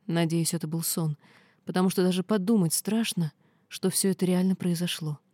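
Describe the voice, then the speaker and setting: A woman reading a first-person fantasy novel aloud in steady storytelling. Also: on the low side, moderate pace, dry recording. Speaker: audiobook reader.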